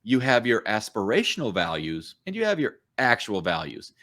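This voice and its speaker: A middle-aged man who coaches churches co-hosts a church podcast, explaining ideas in a thoughtful, conversational chat full of fillers. His voice sits on the low side with a fairly bright tone, huge pitch swings, and a moderate pace.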